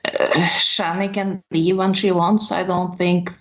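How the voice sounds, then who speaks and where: A woman giving casual reaction commentary, halting and full of fillers. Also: fairly low pitch, little pitch movement, poor audio.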